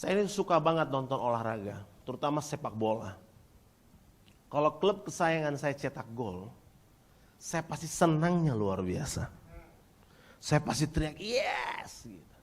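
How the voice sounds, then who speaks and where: A male pastor preaching a sermon, talking straight to the congregation and calling for their replies, swinging from near-shouts down to quiet, low passages. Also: big pitch swings, normal speed, long pauses. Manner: emphatic preaching, rising to near-shouts, then dropping quiet; addresses congregation directly, asks for replies.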